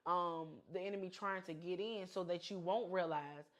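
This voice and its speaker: A woman co-hosting a marriage podcast in relaxed, casual talk. Her voice sits low for a woman. She speaks plainly and draws on scripture as she goes. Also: normal speed. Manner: chatty and plain-spoken, laughs at herself. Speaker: podcast co-host.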